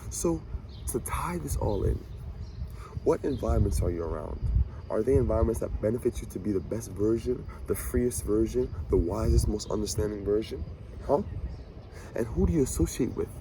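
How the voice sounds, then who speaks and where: A man in his twenties giving an animated, preachy motivational monologue to camera, talking to himself and his viewers with swagger. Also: on the low side, normal speed, noisy background. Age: 20s. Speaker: vlogger.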